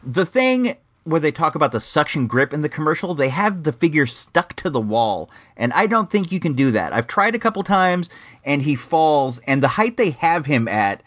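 Casual middle-aged man, very animated pitch. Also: moderate pace. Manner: rambling, slangy, wry asides. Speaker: host of a vintage toy show. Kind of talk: casual chatty retro toy review.

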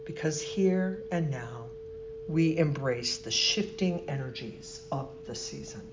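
A yoga nidra instructor leading a guided meditation in a soothing, gentle, deliberate way with long pauses. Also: mid-range voice, music in the background. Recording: muffled, noisy recording with steady humming tone.

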